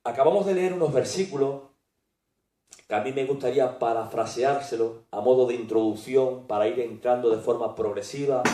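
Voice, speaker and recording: A male preacher teaching from the Bible, unhurried and deliberate, leaning into the scripture he reads. His tone is mellow and soft-edged. He stands away from the microphone in an echoey room. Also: medium pitch. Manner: slow, deliberate, reading scripture with emphasis. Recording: echoey room, far from the mic.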